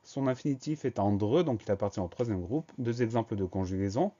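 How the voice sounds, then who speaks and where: A man teaching a dictation lesson, spelling each word slowly and patiently, letter by letter. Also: on the low side, lively intonation, mellow, lo-fi sound. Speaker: French teacher.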